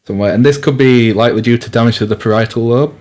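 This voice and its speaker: A man's voice: mid-range voice, quick pace, a little mellow. A young man co-presenting a radio science show, explaining loosely with lots of fillers and restarts. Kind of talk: casual science chat.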